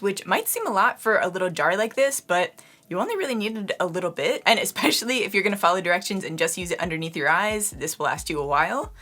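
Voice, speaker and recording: Slightly hoarse, chatty woman beauty vlogger. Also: mid-range voice, pushed and bright. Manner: chatty, addresses viewers as "you guys", frequent "like" fillers. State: slightly hoarse, losing her voice. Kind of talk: casual product review and demo.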